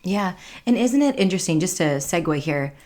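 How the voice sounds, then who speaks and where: Very low-pitched woman in podcast conversation. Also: expressive, brisk, darkish tone. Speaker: podcast speaker, author.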